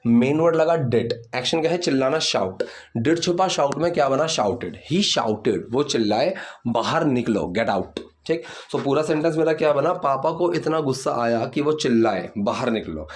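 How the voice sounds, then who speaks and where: A man's voice: fairly high pitch, moderate pace. Patient man teaching English grammar. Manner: patient, repeats "theek hai" often. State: sore hands from the gym. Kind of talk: grammar lesson explaining sentences.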